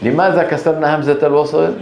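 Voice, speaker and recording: A man's voice: fairly high pitch, fairly even intonation, fast talker, creaky, a little mellow. A male Quran teacher, giving a classroom lesson and often prompting the class with short questions while drawing out recited words. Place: classroom, Grozny. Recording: echoey room, faint background hiss.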